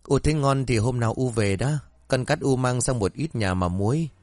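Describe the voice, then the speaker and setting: A man voicing a dutiful young village woman, a daughter and mother, in a spoken horror story, with a pleading, high-strung delivery. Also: moderate pace, darkish tone, no room sound, natural voice. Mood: fond.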